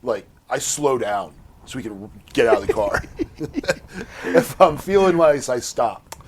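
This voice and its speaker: A man's voice: medium pitch, lively intonation, measured pace, a little hiss or hum. A middle-aged man co-hosting a casual podcast chat. He is laid-back and dryly funny, often stumbling a little at the start of his sentences. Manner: laid-back, hesitant starts, dry humor. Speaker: podcast co-host.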